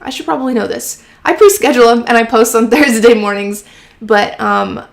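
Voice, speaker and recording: Chatty, slightly hoarse woman with vocal fry. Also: fairly high pitch, a little fast. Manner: chatty and encouraging, many fillers like "um" and "like". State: voice getting hoarse from talking. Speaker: host of a freelance writing live stream. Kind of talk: casual live-stream Q&A. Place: home office.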